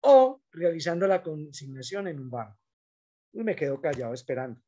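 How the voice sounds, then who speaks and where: A man's voice: on the high side, very animated, moderate pace, warm tone. Emphatic man coaching salespeople. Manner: emphatic, coaching, addresses the audience directly. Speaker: sales trainer. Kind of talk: business training talk.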